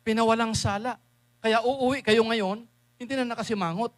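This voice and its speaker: High-voiced Filipino preacher, animated delivery. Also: male voice, normal speed. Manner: animated, swings from hushed asides to loud exclamations, mixes English into Tagalog. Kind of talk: lively Filipino sermon.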